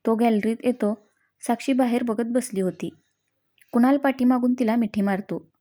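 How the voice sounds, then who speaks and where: A woman reading a family story aloud in a steady, simple manner. Her voice sits fairly high and sounds mellow and soft. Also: moderate pace. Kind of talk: scripted story narration.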